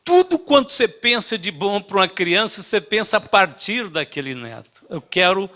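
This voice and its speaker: An older man preaching a sermon, telling a story in an emphatic way with many halting restarts. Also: high voice, sing-song, sharp tone. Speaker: pastor.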